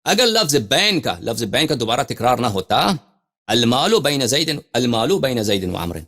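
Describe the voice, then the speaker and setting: A male religious scholar giving a lecture on scripture. He reads quoted passages slowly, then explains them with emphatic, repeated phrases. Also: medium pitch, sing-song, sharp tone. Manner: repeats and restarts phrases while thinking aloud.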